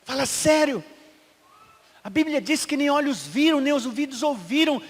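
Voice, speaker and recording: High-voiced preaching man in a reverberant hall. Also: lively intonation, moderate pace. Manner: emphatic preaching that swings between loud and hushed. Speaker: pastor. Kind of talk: sermon. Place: church hall.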